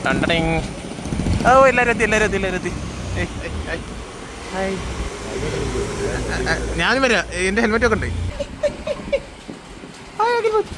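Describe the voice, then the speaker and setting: A man's voice: high voice, fairly quick, long pauses, very noisy. A young man casually vlogging a trip with his friends, teasing them and introducing each one to a handheld camera. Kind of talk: casual travel vlog with friends. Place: among a group on a road trip, by a bus. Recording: busy group chatter around.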